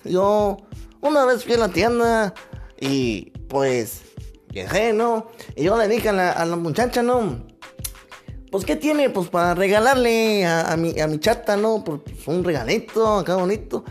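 A man's voice: high-pitched, lively intonation, unhurried, faint music behind, pitched above the performer's own voice. A man voicing a folksy, rustic older man from the mountains, drawling and rambling with many fillers. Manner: rambling, drawling, full of fillers like "no, hombre, pues". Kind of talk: comedy sketch character.

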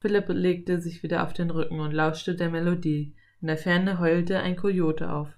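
A woman narrating a children's audiobook in a calm, even storytelling manner. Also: on the low side, moderate pace.

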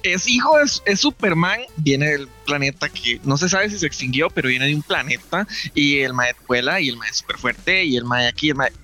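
A man with a Costa Rican accent, co-hosting a casual pop-culture chat in an animated, slangy way. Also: fairly high pitch, normal speed, few pauses, faint music behind. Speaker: podcast co-host.

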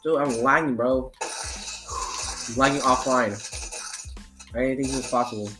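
A young gamer bro in casual, hyped-up chat while playing. The voice sits at a middling pitch and sounds exasperated and slangy, with faint music behind it. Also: steady tone, measured pace, roomy sound. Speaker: podcast host and gamer.

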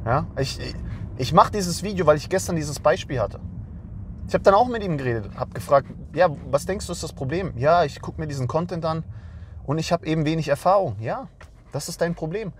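A man's voice: a little high, lively intonation, brisk, slight background noise. A man in his twenties, a dating coach ranting bluntly to camera and scolding his viewers.

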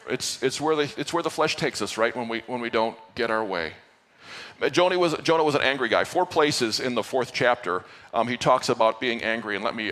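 A man's voice: medium pitch, fairly bright tone, long reverb tail. A male pastor giving an earnest Sunday sermon to his church, with playful asides. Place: church sanctuary.

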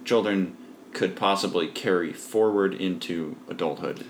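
A man's voice: low voice, unhurried, a little hiss or hum. A man in casual podcast chat, reflective and asking thoughtful questions. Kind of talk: casual chat about a cartoon.

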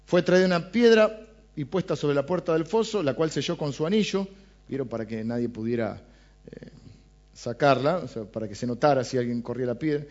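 Chatty Argentine preacher, lo-fi. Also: male voice, mid-range voice, a little fast, darkish tone. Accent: Argentine Spanish. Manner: casual, chatty, asks listeners questions. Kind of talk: conversational sermon on a Bible passage.

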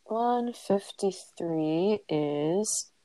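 Teen girl podcast co-host: low voice, dry close sound, deadpan explainer. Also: drawn-out words, no echo, low-quality recording. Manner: explains inside jokes, dry teasing. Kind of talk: casual chat. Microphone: headphone mic.

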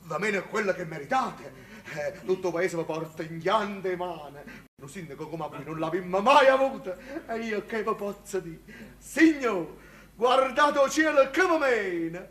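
An actor playing a fawning country innkeeper with a Neapolitan accent, obsequious and exclamatory in a stage comedy. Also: male voice, high voice, animated, moderate pace, fairly bright tone. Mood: gushing flattery. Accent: southern Italian, Neapolitan. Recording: echoey stage recording.

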